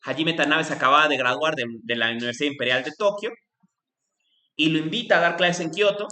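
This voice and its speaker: A man lectures in a university class, circling his points with constant tag questions and self-corrections. His voice is bright and sits a little high, and he bursts into animated exclamations when acting out an example. The sound bounces around a roomy lecture hall. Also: brisk. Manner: discursive, frequent "¿no?" tags and restarts, animated quoted exclamations. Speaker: philosophy lecturer. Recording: echoey room.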